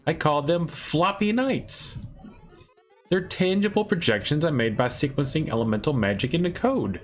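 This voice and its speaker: A man reading aloud as a confident young girl inventor in a video game, pitching his voice up. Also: expressive, normal speed, soft background music. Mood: upbeat. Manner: reads dialogue aloud with a raised, brighter pitch.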